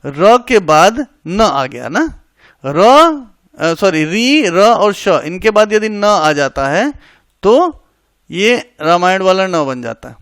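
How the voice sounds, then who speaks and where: Male grammar tutor, patient step-by-step explainer, smooth clear voice, dry close sound. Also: sits high, very animated, slow pace, fairly bright tone, no room sound. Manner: explains step by step, repeats rules, checks understanding; mixes English words into Hindi. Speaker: Hindi grammar teacher. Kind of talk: exam-prep grammar lesson.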